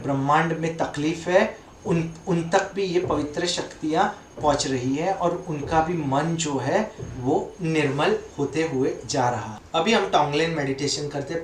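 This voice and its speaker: A man teaching and leading a guided meditation, speaking calmly and gently in drawn-out phrases with long pauses. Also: fairly high pitch, a little hiss or hum. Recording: echoey room, voice from far off.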